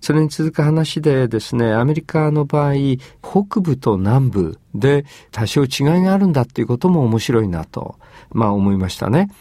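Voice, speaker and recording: A man hosting an English lesson, explaining phrases in Japanese in a measured way with many fillers. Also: medium pitch, animated, dark tone, no echo. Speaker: English teacher and host.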